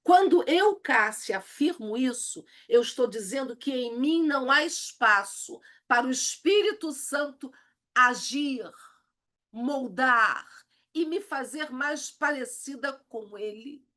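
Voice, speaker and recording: A woman's voice: high-pitched, animated, takes it slowly, fairly bright tone. A Brazilian woman teaching a recorded Bible lesson, emphatic and acting out the lines she quotes. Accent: Brazilian Portuguese. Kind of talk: recorded church video lesson.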